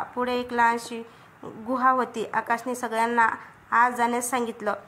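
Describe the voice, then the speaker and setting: A woman narrating a story as a storyteller in a steady, measured reading voice. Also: on the high side, a little hiss or hum.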